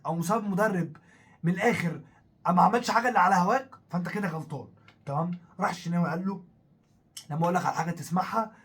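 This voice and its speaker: A man with an Egyptian Arabic accent, co-hosting a casual football talk show, animated and full of fillers as he goes over the story. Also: fairly high pitch, husky. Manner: animated, repetitive, thinks aloud with many fillers. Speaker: co-host of a football talk channel.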